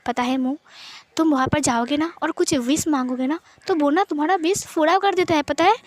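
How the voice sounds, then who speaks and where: A woman's voice: high-pitched, moderate pace, no room sound, lightly acted. A woman voicing a sly young girl who speaks in a coaxing, confiding way.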